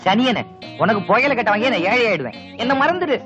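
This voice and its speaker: A man's voice: very high voice, big pitch swings, a bit bright, full character voice. An actor playing a witty, sarcastic young village man in an old comedy film. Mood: mocking. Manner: sarcastic, quick comic retorts. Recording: muffled old film soundtrack with music.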